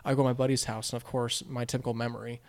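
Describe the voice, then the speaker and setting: A young man, a podcast guest, telling animated stories in casual chat, acting out quotes and laughing often. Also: mid-range voice, rapid-fire.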